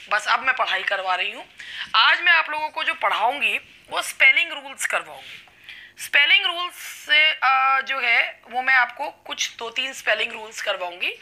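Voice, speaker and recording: A woman leads a classroom-style English lesson, taking her time over each point. Her voice sits high and sounds very bright and sharp. She stretches out example words as she explains them. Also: animated, measured pace. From India. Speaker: English teacher.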